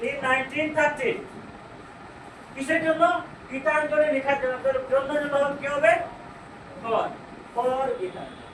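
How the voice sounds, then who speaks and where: A man with a Bengali accent teaching an English grammar lesson. He asks the class questions, answers them himself, and reads English sentences out slowly. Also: very high voice, flat delivery. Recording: echoey room, far from mic, noisy.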